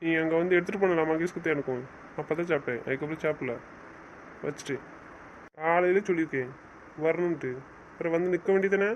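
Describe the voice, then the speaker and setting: A man's voice: fairly high pitch, quick pace, pauses often, muffled recording, slight background noise. A man playing a stern husband in an audio drama, scolding and giving orders. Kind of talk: casual audio drama acting.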